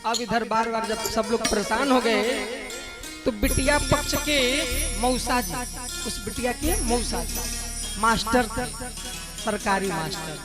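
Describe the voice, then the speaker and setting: Male preacher, very high pitch, folksy storyteller, loud music bed. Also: a little slow. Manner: animated folksy storytelling, asks crowd questions. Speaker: religious storyteller. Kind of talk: devotional story sermon. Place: live religious gathering.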